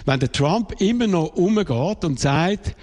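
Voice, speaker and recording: Probing Swiss man, higher voice. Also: expressive, a little slow, darkish tone. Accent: Swiss German. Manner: probing, presses for serious answers. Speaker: debate co-host. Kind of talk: heated casual debate.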